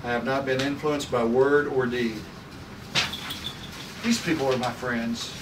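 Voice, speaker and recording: At a group script table read, a man reads the part of a solemn, formal professor and guardian in a stately, declamatory style. His voice is medium-pitched, fairly even, unhurried and close to an everyday voice, recorded far from the mic in an echoey, noisy room.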